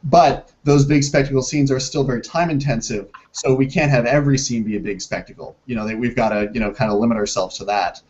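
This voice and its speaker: A man's voice: mid-range voice, quick pace, few pauses, a little mellow. A man speaking as a filmmaker in an interview over a video call that sometimes breaks up, hesitating often and restarting his sentences. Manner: hesitant, many restarts and fillers. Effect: heard over a video call that breaks up. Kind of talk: interview conversation. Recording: muffled lo-fi video call audio.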